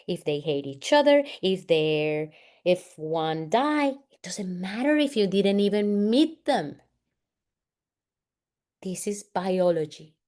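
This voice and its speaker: A woman facilitator, an English speaker, leading a family constellations exercise in a slow, soft-spoken guided-meditation style with long pauses. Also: mid-range voice.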